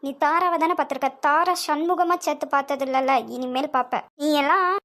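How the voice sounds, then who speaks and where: A woman's voice: sits high, fairly quick, a bit bright. A woman voicing a young woman betrayed by her lover in a cartoon, speaking with a Tamil accent, bitter and tearful. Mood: scornful. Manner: scornful, then sobbing and pleading. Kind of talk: cartoon dub acting.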